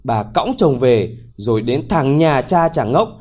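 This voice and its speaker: A man narrating a folk tale in a steady, clear reading. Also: medium pitch, unhurried. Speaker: storyteller.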